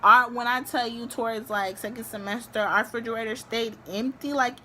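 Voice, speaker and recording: A woman's voice: a little high, a little fast, a little hiss or hum. Chatty young woman vlogger. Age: young adult. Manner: chatty, animated, many filler likes. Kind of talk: casual storytelling to camera.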